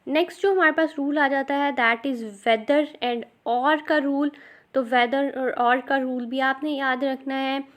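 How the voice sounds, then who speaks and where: A woman teaching English grammar rules in a recorded lecture for test preparation, repeating each rule and dictating example sentences slowly. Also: sits high, steady tone.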